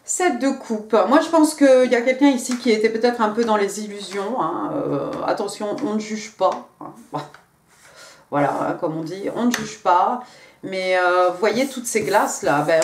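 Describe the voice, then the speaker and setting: A woman reads tarot cards for her viewers in a loose, chatty way, stopping, restarting and repeating words as she goes. Her voice sits at an ordinary middle pitch. The room around her rings with a noticeable echo. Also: slight background noise. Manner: chatty, halting, repeats words, many fillers; speaks directly to the viewer. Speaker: tarot card reader. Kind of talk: casual tarot reading to camera. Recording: echoey room.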